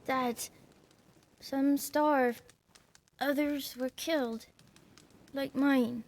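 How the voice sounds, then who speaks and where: A woman voicing a small orphaned village child in a video game, defiant yet frightened, with a British accent and halting rustic speech. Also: high voice, steady tone, darkish tone, slight background noise, heavily acted. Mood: haunted, distressed.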